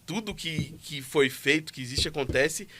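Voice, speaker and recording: Paulistano man, bright and slightly high voice, animated storyteller who acts out the dialogue. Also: normal speed. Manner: playful, jokey, acts out dialogue. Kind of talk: animated storytelling in casual chat.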